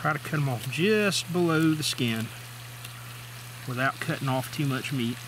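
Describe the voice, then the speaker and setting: A middle-aged man with a drawl explains each step in a plain, folksy way. His voice sits at an ordinary pitch. A water pump hums clearly behind him at an outdoor camp. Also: measured pace. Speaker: outdoor survival vlogger. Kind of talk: casual how-to demonstration. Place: outdoor camp table in the woods. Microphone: camera mounted overhead. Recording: water pump noise in background.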